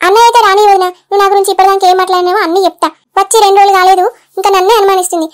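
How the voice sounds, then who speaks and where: A haughty squeaky cartoon girl. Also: steady tone, racing. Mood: defiant. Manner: curt and scolding, high cartoon voice. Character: defiant young sister-in-law, haughty.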